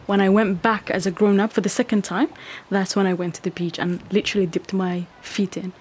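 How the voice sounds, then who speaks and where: A woman in her thirties from Somalia, telling her own story in an interview, reflective and quick in places. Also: medium pitch, little pitch movement, darkish tone, breathy edge.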